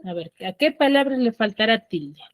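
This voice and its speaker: A woman's voice: fairly high pitch, expressive, normal speed, no room sound. A woman teacher on a video call, patiently quizzing her students and confirming their answers. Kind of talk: online class quizzing students.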